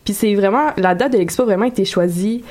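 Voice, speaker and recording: A woman's voice: medium pitch, quick pace, a little mellow. A woman with a Quebec French accent, a radio guest explaining a subject in casual chat with frequent hesitations. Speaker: guest columnist.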